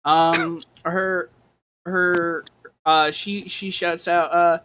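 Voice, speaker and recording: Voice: medium pitch, flat delivery, extremely slow, a bit bright, slight background noise, low-quality recording. A game master narrating a streamed tabletop game, rambling with many fillers.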